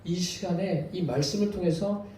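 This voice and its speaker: A man's voice: high voice, normal speed, dark tone, slight background noise. A male pastor preaching a sermon in a church, asking the congregation rhetorical questions. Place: church sanctuary. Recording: very echoey church hall, voice from far off.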